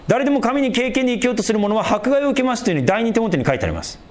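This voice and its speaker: A male pastor giving an emphatic, animated sermon. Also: very high voice, very fast.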